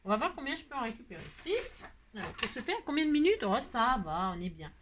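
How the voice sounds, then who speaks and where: A woman's voice: on the high side, very animated, fast talker, fairly bright tone. A woman hosting a casual crafting tutorial at her home craft table. She chats away and answers her own remarks, adds playful sound effects, and grumbles over slips before laughing them off. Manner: gets annoyed by mistakes, then laughs it off. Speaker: crafting video host. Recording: noisy home recording.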